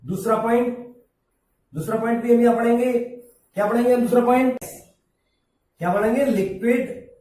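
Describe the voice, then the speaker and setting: A male teacher giving a slow classroom lesson, repeating key terms and asking and answering his own questions. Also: extremely high pitch, fairly even intonation, a little mellow. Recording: very echoey room, voice from far off.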